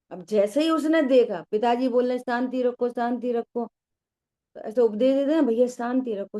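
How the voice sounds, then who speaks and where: A woman's voice: a little high, dark tone. A middle-aged woman giving a religious discourse on scripture, telling a story and asking her listeners rhetorical questions. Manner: acts out quoted voices. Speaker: scripture teacher.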